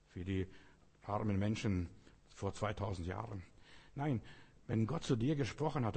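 A man delivers a sermon in a husky, slightly breathy voice, pressing his points hard and swinging between hushed intensity and loud exclamations. His words ring out with a long reverb, as if spoken in a large hall. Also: medium pitch. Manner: emphatic, alternating quiet intensity with raised exclamations. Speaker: preacher.

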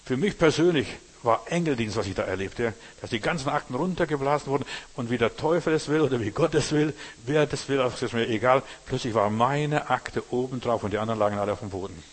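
A man's voice: medium pitch, quick pace. A man preaches in a loose, conversational way, drifting between Bible stories and his own anecdotes. He keeps checking in with his listeners, asking whether they follow him. His voice rings out with a long reverb, as in a large hall. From not from Berlin. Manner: rambling, keeps asking "verstehst du?". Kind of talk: informal sermon with Bible reading.

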